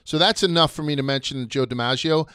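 A slightly high-voiced man hosts a loose history podcast, chatty and crude. His voice is smooth and clear. The sound is close and dry. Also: fairly quick, a bit bright, no echo. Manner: chatty, crude jokes, goes off on tangents. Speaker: podcast host. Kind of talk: casual history podcast chat.

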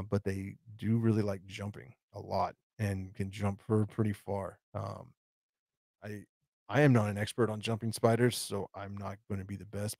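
A man's voice: lowish voice, gravelly, mellow, no echo, clean studio sound. A man hosting a live stream, casually rambling through viewer questions with lots of fillers and restarts. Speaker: tarantula channel host.

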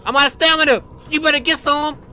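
A young man streaming horror games, panicking and yelling slangy reactions in fright. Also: very high-pitched, steady tone, fast. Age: young adult. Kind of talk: loud reaction commentary, slangy. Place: small indoor streaming room. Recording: noisy, overdriven shouting over game audio.

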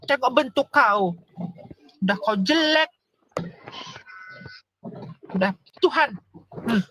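A woman's voice: on the high side, expressive, takes it slowly, a bit bright, a little hiss or hum. A woman, hurling curses and theatrical prayers in a heated comic quarrel. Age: 30s. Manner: cursing, insulting, theatrical prayers. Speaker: comedy skit performer.

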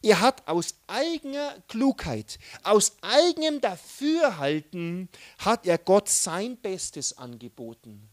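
A man preaching a sermon, animated, swinging between loud outbursts and soft, hushed asides. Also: high-pitched, takes it slowly, hardly any pauses. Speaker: pastor.

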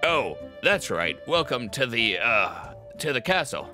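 A man's voice: medium pitch, big pitch swings, a little slow, music in the background. A man voicing a haughty, insulting male toy lord in a game, sneering and theatrical with a goblin-like voice. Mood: stiff.

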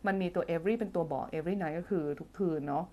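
A woman with a lowish, warm voice speaks briskly while teaching English grammar on a live stream through a phone or desk mic. She reads out viewer comments, chatty and playful, often laughing and humming as she thinks aloud.

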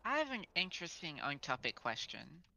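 An Australian-accented speaker with a bright, sharp tone and a mid-range pitch chats casually with friends. The delivery is wry and curious, and this speaker keeps nudging the conversation toward new questions. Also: sing-song, brisk, creaky, rough recording. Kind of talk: casual chat among friends.

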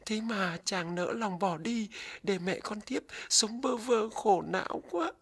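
A man voicing a sorrowful, pleading fairy wife in a Vietnamese folktale, plaintive and drawn-out. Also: sits high, lively intonation, a bit bright, breathy edge, heavily acted.

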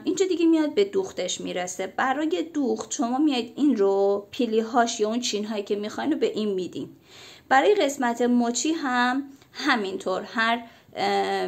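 A woman with a cold, chatting to viewers as she explains a sewing pattern step by step. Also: medium pitch. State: has a cold. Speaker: sewing instructor. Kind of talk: casual tutorial.

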